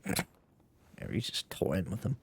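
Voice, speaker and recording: 느리고 낮은 목소리의 남자 게임 스트리머. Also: male voice, lowish voice, huge pitch swings, takes it slowly, vocal fry, slight background noise. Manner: amused, laid-back commenting. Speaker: game livestreamer. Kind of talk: casual reactions to gameplay. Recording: faint game music behind the voice.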